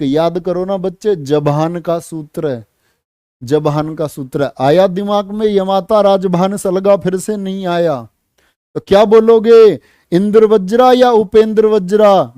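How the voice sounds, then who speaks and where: A man's voice: high voice, warm tone, no echo, clean studio sound. A man teaching a class in Hindi, coaxing pupils with questions he then answers himself and counting syllables aloud. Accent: North Indian Hindi. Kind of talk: classroom lecture.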